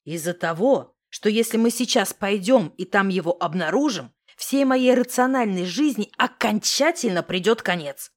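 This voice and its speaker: A woman voicing a nervous young man who talks low, anxious and insistent. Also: lively intonation, moderate pace, hardly any pauses. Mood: worried.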